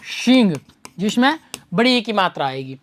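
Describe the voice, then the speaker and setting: A woman's voice: medium pitch, sing-song, measured pace. A woman teaching a grammar lesson for an exam, who keeps asking rhetorical questions and answering them at once, repeating each key answer.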